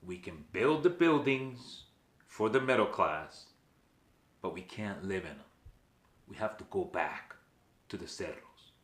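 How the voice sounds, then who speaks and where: With a low, expressive voice and a fairly bright tone, a man from Venezuela hosts his channel in a roomy-sounding space. He talks to the camera emphatically at a measured pace with long pauses, often saying "okay" and posing questions to viewers.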